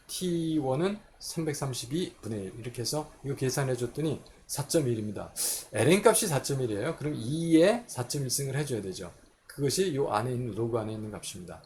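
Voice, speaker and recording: A man lectures on chemistry in a medium-pitched, gravelly voice. He works through each equation step by step and answers his own questions as he goes. A faint hiss sits under the recording. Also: a little mellow.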